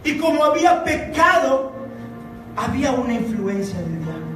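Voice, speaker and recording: A male pastor preaching a sermon in a church, slow and deliberate, repeating phrases and rising to impassioned shouts. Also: very high-pitched, big pitch swings. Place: church sanctuary. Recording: echoey hall from far off, faint music.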